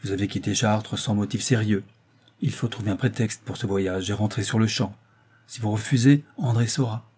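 A man's voice: lowish voice, normal speed, husky. A man reading a grave, stern doctor. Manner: grave, calm, authoritative. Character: stern calm male doctor, family friend.

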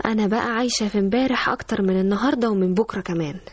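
An actress playing a blunt, sharp-tongued young woman with an Egyptian accent in a radio drama. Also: medium pitch, slightly rough, lightly acted. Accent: Egyptian Arabic. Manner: blunt, quick retorts. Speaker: daughter and fiancée.

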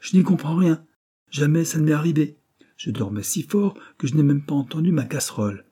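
A man's voice: a little high, a little fast, slightly rough, pitched above the performer's own voice. A man reading aloud, voicing a blunt young male chauffeur-mechanic who talks in colloquial slang. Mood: worried. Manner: colloquial, animated working-class talk.

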